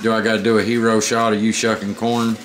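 A man's voice: fairly low pitch, flat delivery, fast talker. A folksy man with a drawl talks viewers through a home recipe, filming himself on a handheld camera. The audio is noisy, picked up in a home kitchen. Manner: folksy, chatty, says y'all. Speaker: family vlogger and home cook. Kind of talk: casual home cooking vlog. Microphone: handheld camera mic.

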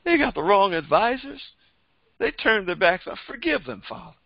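An older male pastor preaches a Bible lesson in a fervent, repetitive cadence, his high voice swinging widely in pitch at a moderate pace. He speaks through a headset microphone in a small indoor studio in front of a printed backdrop. The sound is dry and slightly dull, with no room sound.

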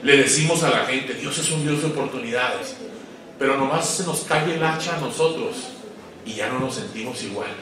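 A man preaching a sermon to pastors, swinging between loud emphatic peaks and low quiet asides and asking the audience questions. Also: moderate pace. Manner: asks the audience questions and waits for replies. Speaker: guest pastor. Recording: echoey hall, voice far from mic.

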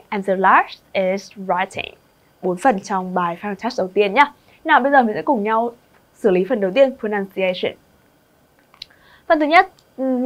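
A woman from Vietnam teaching an online English exam review, who asks the class questions and repeats each word for her students. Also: a little high.

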